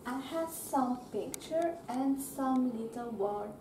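A young woman from Madagascar answering interview questions softly, searching for words. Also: high voice, slow. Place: small dormitory bedroom. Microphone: far camera. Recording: roomy, distant, noisy.

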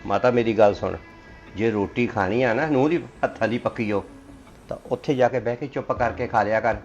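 A man's voice: mid-range voice, fairly quick, dull audio, faint music behind, lightly acted. A man with a Punjabi accent playing a son who lectures and warns his elderly mother. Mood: lecturing. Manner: lecturing, warning. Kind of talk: family drama acting.

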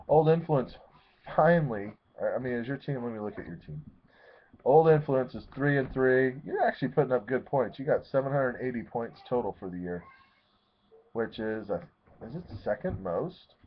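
Man, 30s, excitable rambling league recap, tinny lo-fi webcam sound. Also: medium pitch, slight background noise. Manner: rambling, excitable, self-correcting. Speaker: fantasy football league commissioner. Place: small room at home, seated in a leather chair. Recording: tinny, phone-like webcam audio.

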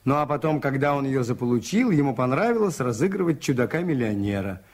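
Father Brown, shrewd, measured priest detective. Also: mid-range voice, lively intonation, a little mellow. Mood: calm, insistent. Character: shrewd, calm, persistent male priest detective. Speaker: actor in a radio play. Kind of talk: 1980s Soviet radio drama acting.

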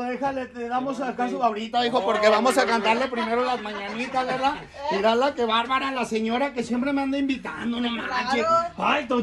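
A Mexican man vlogging outdoors in a neighborhood street, playful and joking, often shouting across the street. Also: extremely high pitch. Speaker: vlogger delivering a birthday cake. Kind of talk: casual street vlog. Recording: outdoor street with crowd noise.

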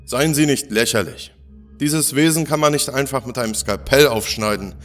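A man's voice: mid-range voice, moderate pace, fairly bright tone, soft background music, voice pushed up, close to an everyday voice. A man voicing a brilliant, irritable male doctor who explains things precisely in a lecturing way, in a spoken horror story.

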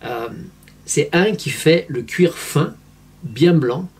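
This fifties-aged vlogger speaks at a slow pace, his slightly high voice animated. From a small furnished room at home, he gives wry, didactic opinions to the camera.

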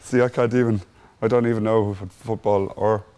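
A man's voice: fairly low pitch, steady tone, normal speed, warm tone, clean tone. A young man hosting a show, chatting casually and easily on a studio set. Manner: laughing, easygoing. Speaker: show host.

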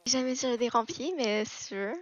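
A woman's voice: on the high side, fast talker, no room sound, highs cut off. A woman in her twenties with a Québécois accent, chatting as a guest on a voice call, laid-back and laughing often as she plays along. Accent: Québécois French. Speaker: voice chat guest. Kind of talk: casual voice chat.

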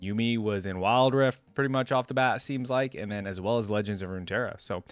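A young reaction video host speaks briskly in a lowish, clean-toned voice into a close desk microphone, with no room sound. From his indoor gaming setup he gives casual commentary, often reading text aloud, while game video music plays behind him.

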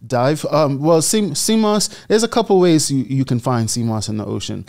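A man in his thirties from the Bahamas with a Bahamian accent, a guest telling his story in a relaxed way in a casual podcast interview, speaking into a studio mic. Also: mid-range voice, normal speed, gravelly. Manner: relaxed storytelling, gestures while talking. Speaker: guest entrepreneur. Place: studio set with leather armchairs. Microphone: boom-arm studio mic.

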